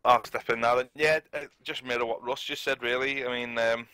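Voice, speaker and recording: A man's voice: mid-range voice, fairly even intonation, fairly quick, sharp tone, smooth. A man from the winning team, talking emphatically over voice chat about how intense the match was. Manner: enthusiastic, emphatic.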